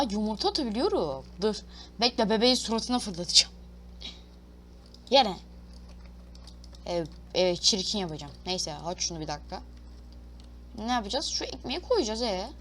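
A woman's voice: medium pitch, a bit bright, a little hiss or hum. A woman giving casual let's-play commentary, talking to herself and her viewers, reading game prompts aloud and swearing playfully. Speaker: gaming YouTuber.

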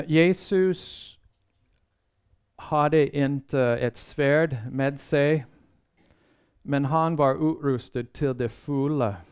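A man giving a sermon-style Bible lecture, measured and earnest, pausing often and restarting phrases as he thinks. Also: fairly high pitch, a little mellow, clean tone. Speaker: Bible seminar speaker.

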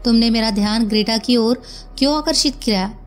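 A woman voicing a grief-stricken, volatile male professor who shouts through tears. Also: brisk, faint music behind, lightly acted. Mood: distraught. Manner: shouting, tearful, raised pitch.

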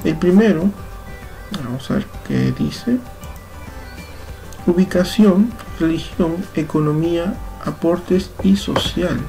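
A young man with a Peruvian Spanish accent, a computer teacher patiently walking through a software tutorial step by step, correcting himself as he goes. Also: fairly high pitch, takes it slowly, vocal fry, long pauses, faint music behind. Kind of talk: screen-recorded software tutorial.

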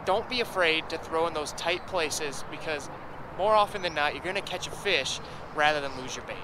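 A man with a slightly high voice talks to viewers while bank fishing, eager and chatty. He records on an action camera by a pond, with outdoor noise clearly heard behind him. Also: moderate pace. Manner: excitable, hypes up catches to viewers. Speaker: fishing vlogger. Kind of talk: casual outdoor vlog. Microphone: action camera, selfie framing.

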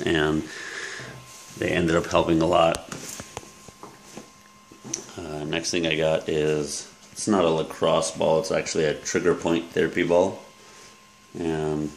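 A man in his thirties, a fitness coach, casually walking through his gym bag in a relaxed, rambling way with many fillers, filmed at arm's length in a small room. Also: a bass voice, a little hiss or hum. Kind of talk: casual gear walkthrough vlog. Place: small room with yellow walls, indoors. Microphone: handheld camera at arm's length.

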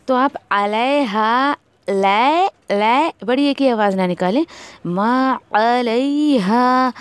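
A woman teacher with a somewhat high voice works through recitation rules. She repeats sounds slowly and patiently to model each one. The recording is dry, with no room sound. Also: no room sound. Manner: corrects pronunciation, repeating syllables slowly to demonstrate. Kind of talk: tajweed lesson.

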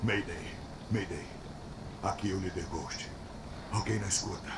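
A man's voice: low voice, measured pace. An actor playing a grim male squad leader calling mayday over a crackly military radio, talking in terse clipped bursts. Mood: urgent. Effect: crackly military radio call. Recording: echoey, distant, noisy game audio.

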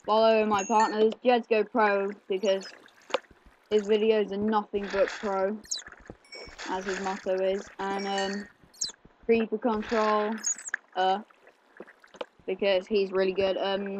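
A man's voice: high voice, level tone, slow pace, long pauses, background noise. A male gameplay host rambling casually through commentary, full of fillers. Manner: rambling, chatty, with many fillers. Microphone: desk mic picking up keyboard clicks. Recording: slightly dull home recording with keyboard clicks.

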